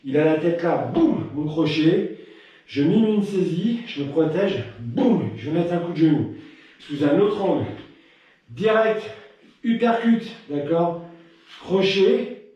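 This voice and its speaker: A man's voice: fairly high pitch, lively intonation, slow, warm tone, lo-fi sound. A man teaching a live Krav Maga class, counting combinations and punctuating strikes with punchy sound effects, chatty between drills. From France. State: warm and a bit winded from training. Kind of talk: live online martial arts class. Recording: very echoey room, mic at a distance.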